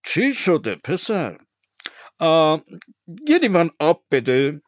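A man voicing a stern older male judge who talks in a measured way, in a storybook reading. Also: a little high, sing-song, no echo, clean studio sound, voice pushed up.

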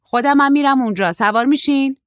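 A woman's voice: high-pitched, dry recording, pitched above the performer's own voice, natural voice. A woman voicing a brusque, terse middle-aged woman who talks in a dry, impatient way.

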